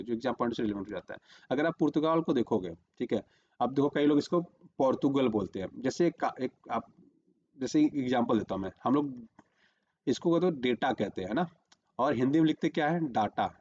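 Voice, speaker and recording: A man's voice: mid-range voice, a little mellow, dull audio, slight background noise. A man teaching a current-affairs lesson for exam prep, repeating "remember" and "okay" while marking a map on screen.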